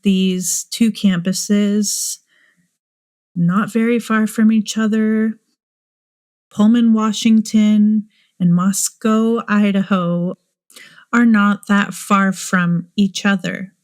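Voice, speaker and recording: A woman's voice: mid-range voice, fairly even intonation, slow pace, a little mellow. A woman hosting a true crime show, musing aloud and asking many rhetorical questions. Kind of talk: speculative true crime commentary.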